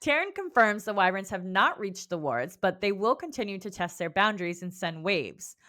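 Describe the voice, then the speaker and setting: A woman's voice: mid-range voice, expressive, normal speed, bright, forceful tone. A woman co-hosting a book club podcast, chatting casually, swearing freely and laughing often. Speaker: podcast co-host.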